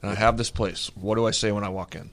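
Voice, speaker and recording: A man in casual banter as a co-host, quick to protest and push back. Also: on the low side, fairly even intonation, a little hiss or hum.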